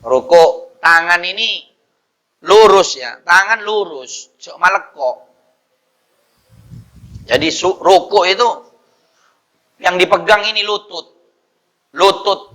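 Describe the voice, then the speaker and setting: A man teaching a mosque study session on prayer, slowly demonstrating recitation and then explaining in quick bursts. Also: sits high, animated, pushed and bright, rough recording. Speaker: religious teacher.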